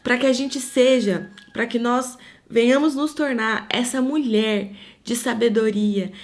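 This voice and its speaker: A woman's voice: fairly high pitch, steady tone, a little slow. Earnest woman preaching conversationally. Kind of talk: live devotional teaching.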